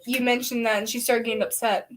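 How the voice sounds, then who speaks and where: A high-pitched woman chats her way through a casual bedroom vlog. She rambles from one thought to the next and turns to sing-song baby talk with a toddler. Her voice sits well above most women's. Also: level tone, fast, soft background music. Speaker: vlogger. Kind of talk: casual chat.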